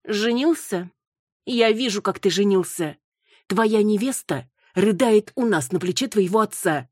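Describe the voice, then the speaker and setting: A woman voicing an imperious middle-aged mother who berates her son, in a shrill, raised voice. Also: measured pace, a little mellow, dry recording, clean studio sound, lightly acted. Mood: scolding.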